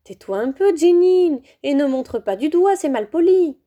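A woman voicing a motherly middle-aged woman who gently scolds and fusses in a storybook reading. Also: high voice, animated, a little slow, voice pushed up.

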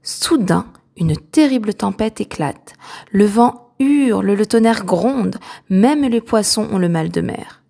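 Slow, gravelly woman reading a children's story. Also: medium pitch, lively intonation, warm tone. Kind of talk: children's story read aloud.

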